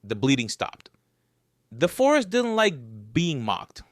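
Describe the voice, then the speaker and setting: A man narrates a creepy survival tale in the first person, keeping a dry, joking edge even at the darkest moments. His voice sits at an everyday middle pitch. The recording is close and dry, with no room sound. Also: takes it slowly, no room sound. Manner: wry, joking storyteller with dark humor.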